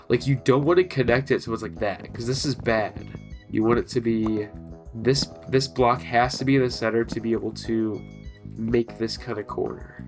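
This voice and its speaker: Allergies have left this man's nose stuffed up and congested as he narrates a laid-back building tutorial over gameplay. The gaming video creator's voice sits on the low side, and his instructions are chatty and relaxed.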